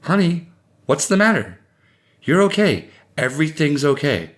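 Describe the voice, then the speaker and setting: A man doing a panicked young wife, high and strained, anxious, pleading, storybook reading. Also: big pitch swings, a little slow, a bit bright. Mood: alarmed. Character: frightened worried young wife and mother.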